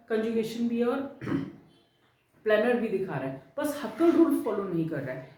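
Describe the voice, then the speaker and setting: A woman's voice: fairly high pitch, a little mellow, very echoey, far from the mic, poor audio. A woman chemistry teacher giving a classroom lecture, explaining step by step and often checking that students follow. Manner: explains step by step, checks understanding with frequent "theek hai". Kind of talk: classroom lecture mixing Hindi and English.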